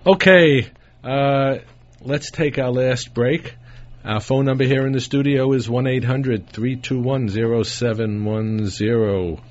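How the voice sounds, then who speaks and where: A man's voice: mid-range voice, steady tone, measured pace. A man hosting a call-in radio show, answering callers in a plain, matter-of-fact way, taped off the radio. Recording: dull radio taping, faint hiss.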